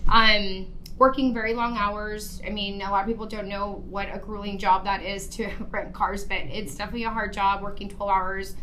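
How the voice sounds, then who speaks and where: Bright-voiced woman from El Paso. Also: mid-range voice, a little hiss or hum, low-quality recording. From El Paso, Texas. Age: 30s. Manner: earnest, many ums and you-knows. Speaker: guest. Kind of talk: casual personal story on a podcast.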